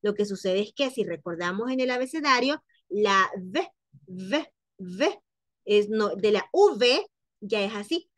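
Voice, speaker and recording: A woman teaching French pronunciation in Spanish, repeating words slowly so students can copy them. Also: mid-range voice, animated, no room sound. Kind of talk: pronunciation lesson.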